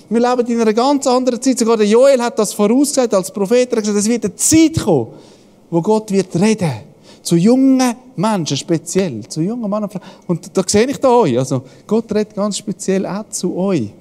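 A high-pitched man speaks as a pastor in a relaxed devotional style. He tells homely anecdotes, chuckles easily and acts out other people's lines. His voice trails into a long reverb. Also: moderate pace. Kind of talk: casual devotional talk.

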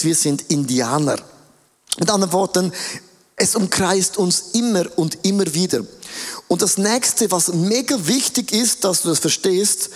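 A man preaching a sermon, animated, drawing out key words for emphasis and acting out quoted voices. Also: sits high. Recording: long hall reverb.

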